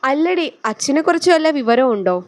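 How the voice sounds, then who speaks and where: A woman voicing a lively young woman, a playful best friend, in a storybook reading. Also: high-pitched, quick pace, no echo. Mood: teasing. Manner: playful, bantering.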